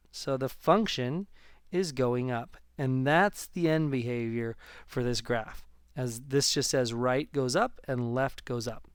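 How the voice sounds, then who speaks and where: A man talks through a recorded math lesson as if to his own class, casual and joking, pushing some points fast and loud and stretching others out. His voice is smooth and clear at an ordinary pitch. The sound is dry and close, with no room around it. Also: no echo. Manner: chatty, jokey, talks straight to students. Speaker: math teacher. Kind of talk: recorded video lesson over a graph.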